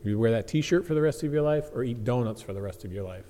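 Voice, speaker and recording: A man's voice: medium pitch, expressive, quick pace. A man in his forties hosting a podcast, upbeat as he reads out questions to his guests. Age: 40s. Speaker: podcast host. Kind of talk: casual interview chat. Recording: echoey room with faint hum.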